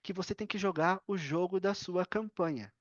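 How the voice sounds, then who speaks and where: A Brazilian affiliate marketer, appearing as a podcast guest, speaks Portuguese at normal speed in a fairly low voice, recorded lo-fi without echo. She explains casually and emphatically, offering examples, posing questions to herself, and repeating key points with strong opinions.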